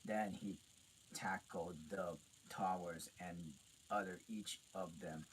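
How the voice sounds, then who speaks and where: Slow, low-voiced man reading a story aloud. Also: steady tone, slight background noise, poor audio. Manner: halting, stumbling reading with restarts. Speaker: reader.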